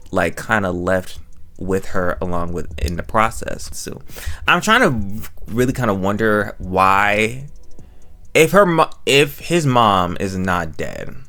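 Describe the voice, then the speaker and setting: A review channel host with a low, fairly bright voice rambles through a casual, slangy commentary. He keeps things informal, repeating phrases and correcting himself along the way.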